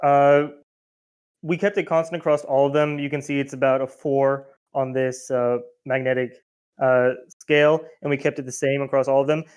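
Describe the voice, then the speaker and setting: Man answering questions about his experiment, smooth clear voice, hesitant fillers, on a video call. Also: mid-range voice, flat delivery, moderate pace, a little mellow. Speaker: reporting team member answering questions.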